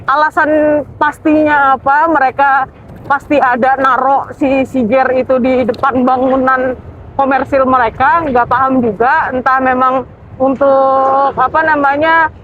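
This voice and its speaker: A woman's voice: sits high, little pitch movement, a little slow, fairly bright tone. Young woman, casual vlog, rambling, dull outdoor recording, faint noise. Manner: chatty, hesitant, trails off with fillers. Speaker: travel vlogger. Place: outdoors at a ferry port.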